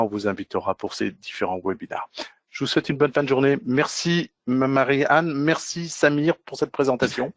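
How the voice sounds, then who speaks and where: A man's voice: medium pitch, dry recording. Hesitant man hosting a webinar. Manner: hesitant, many fillers and restarts. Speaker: webinar host. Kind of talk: corporate webinar wrap-up. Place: home or office during lockdown.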